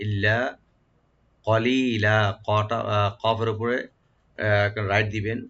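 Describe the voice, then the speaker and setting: A man teaching Quran recitation. He chants each phrase slowly, repeats it, and then explains how to pronounce it. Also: lowish voice, level tone, a bit bright. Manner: breaks verses into syllables, repeats slowly, then explains pronunciation rules. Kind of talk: step-by-step tajweed lesson. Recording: dull lo-fi recording.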